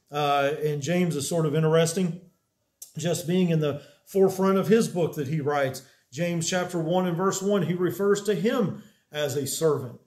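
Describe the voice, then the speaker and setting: A man in his fifties, a pastor preaching a sermon after an opening prayer, unhurried with many pauses, in a small church room. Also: a little high, darkish tone. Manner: unhurried, many "uh" pauses, rising emphasis on key words. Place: small church room with a wooden cross on the wall.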